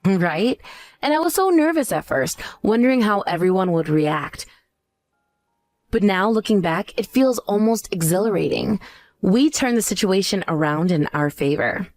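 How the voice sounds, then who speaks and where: A woman's voice: medium pitch, lively intonation, normal speed, darkish tone, no echo, soft background music, close to an everyday voice. A woman playing a cool, scornful wife out for revenge in a dramatized story. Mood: pleased. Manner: taunting, cool. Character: scornful, vengeful pregnant ex-wife, coolly triumphant. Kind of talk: dramatized story dialogue and narration.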